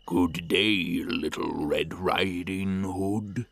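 A man voicing a wicked, sly male wolf in a storybook reading, slow and coaxing. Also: sits low, steady tone, gravelly, fairly bright tone, heavily acted.

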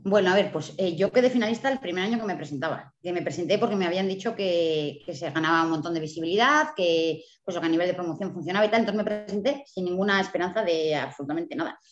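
Woman from Spain, novelist guest, rapid animated storyteller; roomy, slightly muffled recording. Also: lowish voice. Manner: animated storyteller, acts out quoted dialogue, laughs often. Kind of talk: casual interview chat.

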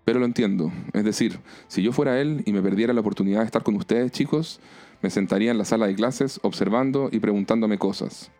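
A man's voice: lowish voice, fast, mellow, lightly acted. A man voicing a self-assured male group leader who gives a persuasive little speech.

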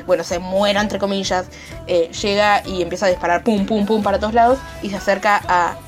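A woman with an Argentine accent excitedly retelling and commenting on a series episode, acting out lines and gunshot sounds. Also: mid-range voice, fairly quick, soft background music. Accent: Argentine Spanish. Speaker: series reviewer. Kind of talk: casual recap and commentary.

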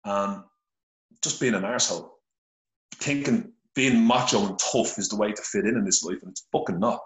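Irish guy telling his story, earnest and sweary, lowish voice, roomy sound. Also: moderate pace. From Ireland. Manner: blunt, heavy swearing, earnest. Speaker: podcast guest. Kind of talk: candid conversational storytelling. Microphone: phone held to face.

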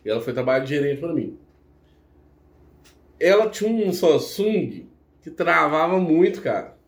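A man's voice: a little high, sing-song. Roomy-sounding man telling a story. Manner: emotional, halting with restarts. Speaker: podcast guest. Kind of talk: casual storytelling. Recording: roomy echo.

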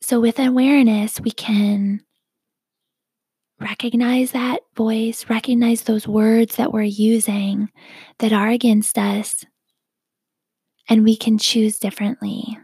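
A woman with a voice on the high side gently instructs a meditation, speaking slowly in a soft, whispery, breathy tone that ends phrases in a gravelly fry. The recording is dry and intimate, with no surrounding room.

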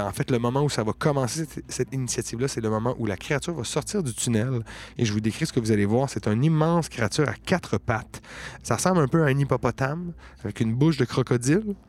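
A man with a Quebec French accent, narrating a tabletop game as game master in an unhurried, descriptive way. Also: medium pitch, a little mellow. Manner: descriptive, unhurried storytelling with many fillers.

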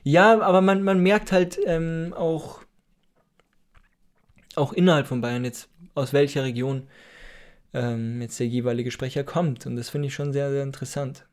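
A man's voice: mid-range voice, steady tone, measured pace. A man casually explaining things on a podcast, hesitant with many fillers and a teasing edge. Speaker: podcast co-host explaining dialects.

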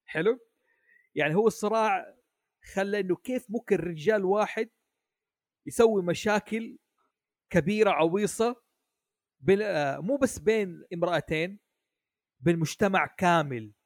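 Man, casual chat, fairly high pitch, dry sound, hesitant with restarts. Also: normal speed, long pauses, dry recording. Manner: hesitant, many restarts, asks "حلو؟" often. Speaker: podcast guest. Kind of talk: casual chat about an anime.

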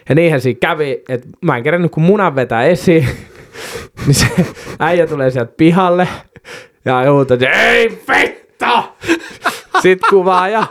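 A man's voice: mid-range voice, no echo, studio quality. A man co-hosting a casual podcast, telling a rowdy story with lots of swearing and laughter.

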